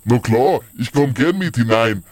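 A man's voice: medium pitch, animated, measured pace, dry recording, lightly acted. A man voicing a jovial, folksy, beer-loving Santa Claus in a comic radio play.

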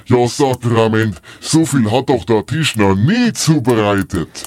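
A man's voice: medium pitch, expressive, unhurried, darkish tone, no room sound. A man voicing a jovial, beer-loving Father Christmas, hearty and folksy.

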